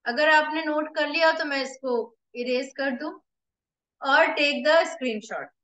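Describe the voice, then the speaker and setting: A woman with an Indian accent giving an acupressure lesson at a whiteboard, explaining each step deliberately and mixing Hindi with English. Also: sits high, fairly even intonation, a bit bright. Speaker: acupressure teacher. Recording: echoey room, slightly dull.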